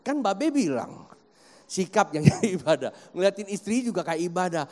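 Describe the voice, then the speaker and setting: A man's voice: sits high, sing-song, normal speed, a little mellow. A male preacher giving a sermon into a handheld mic, talking straight to his congregation and slipping into acted everyday quotes. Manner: addresses the congregation directly and acts out everyday quotes. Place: church. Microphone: handheld microphone. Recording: echoey church hall.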